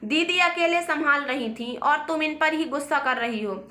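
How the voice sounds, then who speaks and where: A woman's voice: high-pitched, normal speed, pushed and bright. A woman voicing a stern young husband who firmly scolds his wife, in a roomy echo. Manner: scolding, firm.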